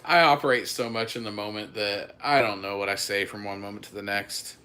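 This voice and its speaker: A young man hosts a relaxed family livestream from his homestead. He greets viewers by name and pokes fun at himself, and his voice has a bright edge. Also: on the low side, brisk, a little hiss or hum. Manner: chatty, greets viewers by name, self-teasing. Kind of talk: casual livestream chat.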